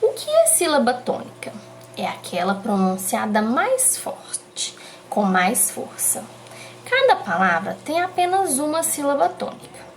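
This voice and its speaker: A woman with a Brazilian Portuguese accent teaching a lesson, explaining slowly and stretching out key syllables for emphasis. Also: sits high, wildly swooping pitch, slight background noise. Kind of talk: remote classroom lesson.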